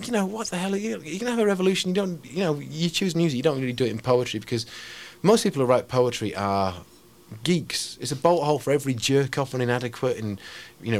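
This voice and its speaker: A middle-aged man talks in a radio interview. He is brash and rambling, full of restarts, and his pitch rises and falls a lot. His voice sits at a middle height for a man. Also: darkish tone. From England. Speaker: ranting poet guest.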